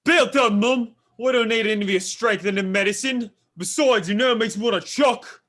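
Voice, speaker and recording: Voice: medium pitch, brisk, a bit bright, natural voice. An actor voicing a surly, aggressive young male kangaroo in a stage play reading, snappish and rude. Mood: irritated, angry.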